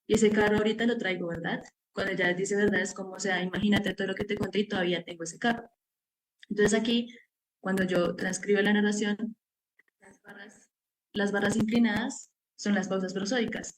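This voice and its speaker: A woman's voice: medium pitch, background noise. Woman explaining her research method. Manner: explanatory, walks through steps with frequent "pues" fillers. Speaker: researcher presenting her study. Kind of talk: academic seminar presentation.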